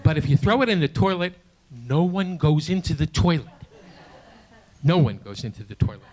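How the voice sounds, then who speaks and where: Older man doing lively stand-up comedy. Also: fairly high pitch. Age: 60s. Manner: halting, self-deprecating delivery with many restarts. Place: small theater stage before a live audience. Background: audience laughter.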